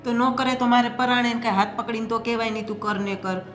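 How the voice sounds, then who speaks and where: A woman's voice: a little high, fairly even intonation, fast, soft background music, natural voice. A middle-aged woman playing a weary mother-in-law who reasons and soothes between two daughters-in-law. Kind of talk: family drama acting. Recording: echoey room.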